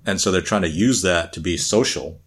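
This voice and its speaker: A middle-aged man from the American South and Midwest co-hosts a podcast, chatting casually in a rambling, self-deprecating way. His voice is low-pitched and brisk.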